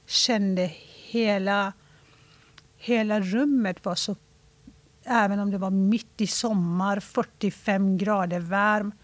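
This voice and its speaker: A woman from Iran tells a personal story in an interview, speaking reflectively and haltingly and slowing down when she talks about her feelings. Her voice is medium in pitch and steady in tone, with no room sound.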